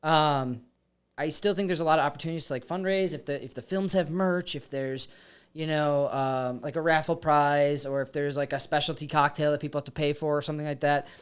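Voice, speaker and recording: A man's voice: fairly high pitch, steady tone, fairly quick, clean tone. A man who is a filmmaker, speaking as a podcast guest in a casual, filler-heavy way. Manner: casual, filler-heavy, trails off mid-thought. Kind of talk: casual chat.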